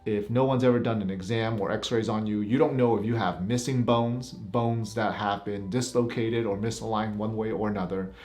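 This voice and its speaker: A man's voice: lowish voice, fairly even intonation, normal speed, hardly any pauses, a little mellow. A middle-aged man, a physician, reacting to clips in a casual commentary, giving blunt warnings with a half-joking edge.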